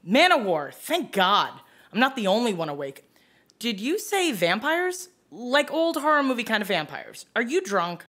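A woman's voice: mid-range voice, big pitch swings, moderate pace, fairly bright tone. An actress playing a fierce, foul-mouthed female starship captain in an audio drama, brash and commanding.

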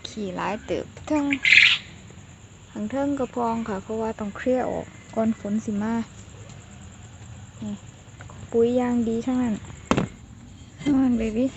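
A woman with an Isan Thai accent chatting casually while doing farm chores, softly coaxing her poultry and slipping into simple English. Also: fairly high pitch, fairly even intonation, normal speed, vocal fry, pauses often, dull audio. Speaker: vlogger. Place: outdoor poultry coop at night. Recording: loud background noise and clucking poultry.

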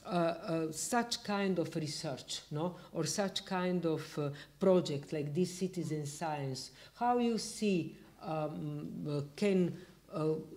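Hesitant woman moderator, low warm voice. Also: takes it slowly. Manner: hesitant, searching for words. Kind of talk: panel moderation.

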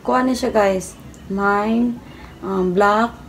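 A young woman comedy vlogger parodies a live-selling stream, chatty and teasing as she calls her viewers "guys." Her voice is medium in pitch and she takes her time. Loud background noise fills the recording.

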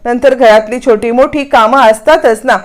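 A young sister-in-law coaxes and chides in a lifted, higher voice, as a woman storyteller puts her on. Her tone is nagging and a little exasperated. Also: normal speed, close to an everyday voice. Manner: coaxing, nagging.

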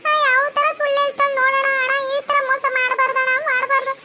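A woman's voice: very high voice, monotone, quick pace, bright, forceful tone, slight background noise, heavily acted. A woman voicing a sly, bossy young sister-in-law who schemes and threatens, with a North Karnataka Kannada accent.

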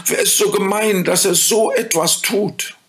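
Ein Mann spricht in einer Märchenlesung zwei Kinder, einen Jungen und ein Mädchen, mit hoher, lauter Stimme, empört und eifrig. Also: male voice, unhurried, vocal fry, exaggerated voice. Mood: indignant. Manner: high, loud, indignant. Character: children, a boy and a girl, upset and eager.

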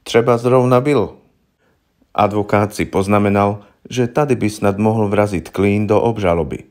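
A man narrating a story in a calm, measured audiobook reading. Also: on the low side.

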